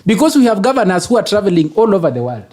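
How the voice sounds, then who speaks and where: A man with a Kenyan accent giving political opinions as a panelist, arguing deliberately in formal wording. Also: high-pitched, big pitch swings, a little mellow.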